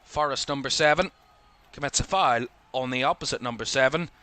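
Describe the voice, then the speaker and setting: A young man with a Northern Irish accent calls a football match live, in bright, forward tones. His play-by-play comes fast and jumps up in pitch when an attack builds, then settles back into steady, mid-pitched analysis between plays. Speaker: football commentator. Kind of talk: live watchalong match commentary.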